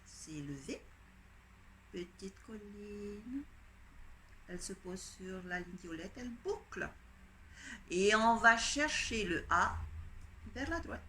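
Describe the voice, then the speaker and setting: A woman's voice: mid-range voice, expressive, slow pace, pauses often, bright, forceful tone, a little hiss or hum. A woman primary school teacher giving a dictation lesson to children, patiently spelling out each letter and pen stroke step by step. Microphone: home recording for an online class.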